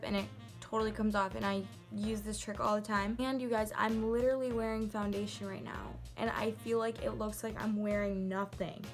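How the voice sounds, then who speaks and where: At home, a talkative woman rambles through her makeup routine, teasing herself along the way in a middle-pitched voice while music plays in the background. She's a beauty vlogger giving a casual tutorial.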